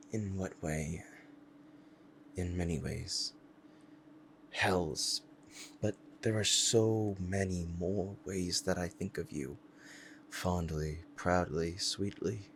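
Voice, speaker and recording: A man with a deep voice plays a proud, powerful, possessive demon lover bound to a sorcerer in an ASMR roleplay monologue. Devoted and dramatic, he speaks intensely and deliberately with long pauses, in a tender, yearning mood, over faint background noise.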